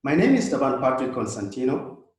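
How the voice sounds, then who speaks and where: A man in his thirties from South Sudan, giving a measured, reflective prepared talk as a guest speaker. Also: medium pitch, sing-song, darkish tone. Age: 30s. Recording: very echoey room.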